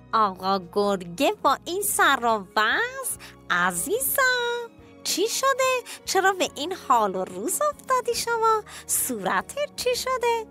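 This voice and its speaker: A woman voicing a fussy, nosy female fox in a children's cartoon story, with squealing, drawn-out exclamations. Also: sits high, bright, forceful tone, voice pushed up, heavily acted.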